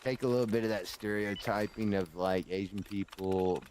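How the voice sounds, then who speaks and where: A man co-hosting a casual chat in an animated, teasing way, swearing casually. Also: on the low side, moderate pace, a little hiss or hum.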